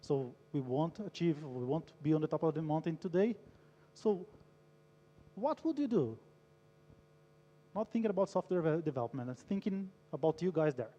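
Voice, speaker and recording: A man's voice: a little high, expressive, normal speed, warm tone, muffled recording. A man from Brazil, giving an engaging conference talk, polling the audience and telling a story. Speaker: conference speaker. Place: large conference hall. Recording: long hall reverb.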